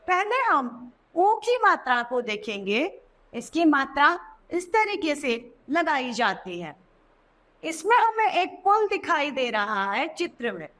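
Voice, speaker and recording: A woman teaching a children's Hindi lesson, sounding out words slowly and repeating them. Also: high-pitched, big pitch swings, fairly bright tone.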